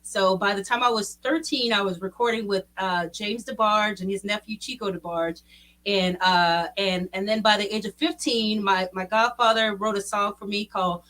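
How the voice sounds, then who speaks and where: A woman from Baton Rouge, an R&B singer chatting as a guest in a relaxed way with many fillers. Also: mid-range voice, moderate pace. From Baton Rouge, Louisiana. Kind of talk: casual interview chat.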